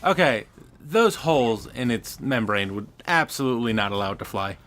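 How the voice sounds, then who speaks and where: A man's voice: medium pitch, lively intonation, moderate pace, fairly bright tone. A man casually chatting and giving opinions while playing a video game, swearing now and then. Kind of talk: casual gameplay chat.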